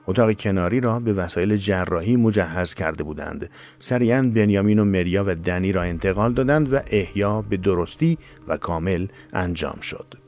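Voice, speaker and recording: A man narrating a tense audiobook story in a steady, measured way. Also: sits low. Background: faint music.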